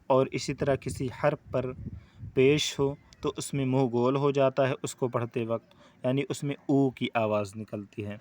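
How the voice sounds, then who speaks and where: Brief: patient male Quran teacher with an Urdu accent, mid pitch, slow careful letter drills. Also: a little mellow, slight background noise. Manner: patient, explains step by step, drills letter sounds slowly. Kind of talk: beginner reading lesson.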